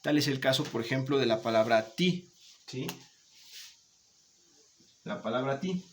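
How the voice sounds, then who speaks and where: A man's voice: mid-range voice, unhurried, slight background noise. A male teacher giving a remote class, explaining patiently, repeating points, checking in often and encouraging his students. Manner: warm, encouraging toward students.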